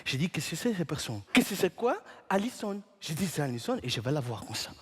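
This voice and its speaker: A comedian playing a rambling male storyteller who mangles his French, talking with lively, swooping pitch on stage. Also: a little fast, husky, exaggerated voice. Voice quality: garbles grammar and words. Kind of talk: improvised stage comedy sketch.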